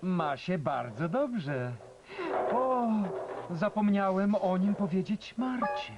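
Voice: mid-range voice, animated, slow. A flustered cartoon road roller. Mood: earnest. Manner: flustered, hesitant, eager to please. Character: friendly male road roller machine, fussy and earnest. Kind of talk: cartoon dubbing. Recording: slightly muffled, music behind.

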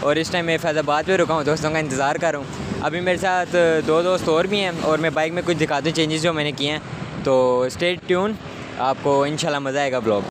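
A man's voice: on the high side, steady tone, a little fast. Young man vlogging outdoors over traffic noise. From Pakistan. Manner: chatty, addresses viewers directly. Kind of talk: casual travel vlog. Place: outdoors by a roadside.

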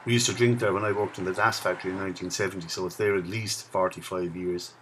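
A video blogger films outdoors on a riverside path in a town, walking and chatting about the local sights in a casual, reminiscing way. His voice is low and a bit bright, with fairly even intonation and a fast delivery. The audio is poor, with slight background noise.

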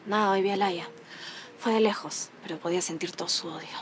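A woman's voice: lowish voice, brisk, a little hiss or hum, lightly acted. An actress playing a proud, worried young woman with a Peruvian accent in a telenovela. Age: 20s. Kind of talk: telenovela acting.

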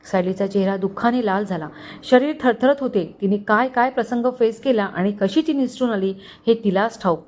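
Female storyteller, scripted story narration, steady and expressive. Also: medium pitch, moderate pace.

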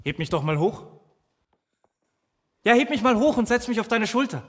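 An actor playing a devoted protective companion who imagines himself tiny and vengeful, speaking in a halting theatrical monologue that keeps stammering and repeating words. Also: male voice, very high voice, very animated, a bit bright, long reverb tail, full character voice. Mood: tender. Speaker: stage actor in a filmed play.

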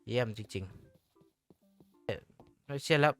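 A man giving casual commentary while he plays a game, excitable and swearing freely as he talks to himself. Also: medium pitch, slow pace, faint music behind. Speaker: gamer.

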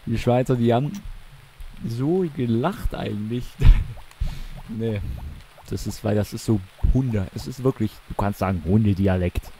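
A man's voice: on the low side, unhurried, dark tone, a little hiss or hum. A young man from eastern Germany with a Mansfeld regional accent, chatting in a rambling, self-correcting way while commentating a game. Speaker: let's play commentator. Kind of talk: casual gaming commentary.

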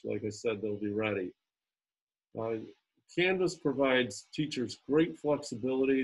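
A man speaking as a school administrator at a town hall over a video call, halting with frequent ums and restarts. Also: medium pitch, darkish tone, breathy edge.

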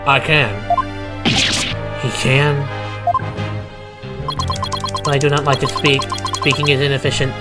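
A man voicing a male bomb specialist who speaks in a flat, clipped, robot-like way, over game music. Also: mid-range voice, a little slow, long pauses, natural voice. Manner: flat, clipped, mechanical delivery.

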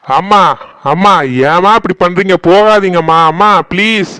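A fed-up cartoon husband and son with a Kanyakumari accent, voiced by a man. His voice is smooth and fairly high, and he pleads and snaps by turns. The recording is close and dry. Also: steady tone, normal speed, bright, forceful tone, no room sound. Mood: exasperated. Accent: Kanyakumari Tamil. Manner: exasperated, pleading. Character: harried adult son caught between wife and mother.

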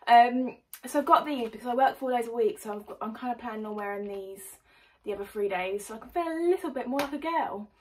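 A young woman with an English accent chatting through a clothing haul in a bubbly, energetic way, filmed at home under a ring light. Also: fairly high pitch, fast, a little hiss or hum, low-quality recording. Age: young adult. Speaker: vlogger. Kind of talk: casual haul vlog.

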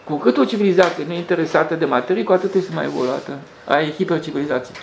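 A man with a gravelly, slightly high voice talks through a rambling spiritual monologue. He restarts and hesitates often. The room echoes, and a faint hum sits underneath. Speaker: host.

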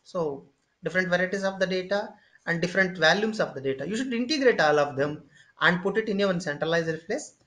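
A mid-pitched instructor talks through a screen-share tutorial lecture, explaining one step at a time. The delivery is loose and unscripted, with phrases repeated and restarted mid-thought and frequent "okay" checkpoints. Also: animated, brisk, a bit bright.

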